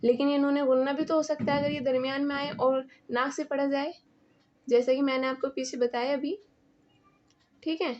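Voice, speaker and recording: A woman with a high voice and a Pakistani Urdu accent teaches a grammar lesson. She explains patiently, repeats her examples and keeps asking the viewer questions. The recording sounds dull and lo-fi. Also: steady tone.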